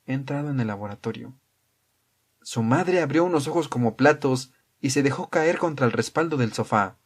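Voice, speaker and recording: A man narrating an audiobook in a calm, measured reading style. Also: medium pitch.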